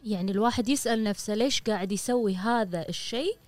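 A woman's voice: mid-range voice, fast, no room sound, soft background music. A woman co-hosting a podcast who chats casually and asks brief, curious follow-up questions. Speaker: podcast co-host. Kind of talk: casual conversation.

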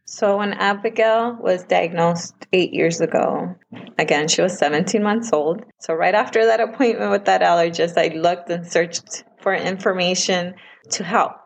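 Husky-voiced earnest mother. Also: lowish voice, moderate pace, poor audio. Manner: earnest and emotional, quoting others in lively voices. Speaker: guest, parent of a child with food allergies. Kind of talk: casual interview talk.

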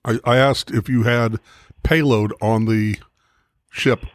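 A man of middling pitch asks short, plain questions on a call-in chat. His voice is faint and muffled, as if it comes through a wall. He sounds set well back from the microphone. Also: fairly even intonation, takes it slowly, no room sound. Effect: muffled and distant, as if heard through a wall. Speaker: rabbi, co-host on a call-in show. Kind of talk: casual radio chat.

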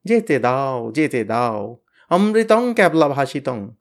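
A man voicing a nervous teenage boy who stammers and tries to calm his leader down. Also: medium pitch, takes it slowly. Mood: appeasing. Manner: stammering, appeasing.

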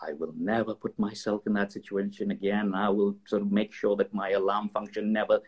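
A man being interviewed as an expert, explaining ideas with lively stories and acted-out examples. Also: on the low side, brisk, breathy edge. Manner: animated storyteller, acts out examples in voices. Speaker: guest expert. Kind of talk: conversational interview.

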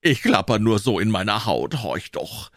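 Audiobook boy: superstitious, trembling with fear, whispering low, read by a man. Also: very animated, normal speed, dry recording, studio quality. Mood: fearful. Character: superstitious, fearful ragged boy. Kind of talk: audiobook character voice.

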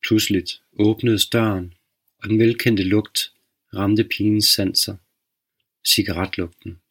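A man hosting a podcast, reading a dark short story aloud in a slow, measured narration. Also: lowish voice, steady tone, husky. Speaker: podcast host and reader.

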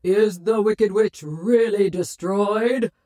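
A woman doing a booming, pompous wizard. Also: slow pace, warm tone, lightly acted.

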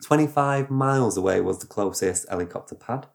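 A man retelling a story in casual podcast chat, animated and rambling, with sound effects. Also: on the low side, fairly quick, gravelly. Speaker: podcast host.

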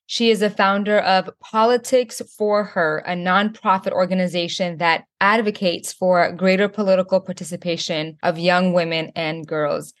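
A woman's voice: lowish voice, steady tone, moderate pace, few pauses. Woman co-host reading an introduction. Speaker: podcast co-host. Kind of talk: scripted introduction and casual questions.

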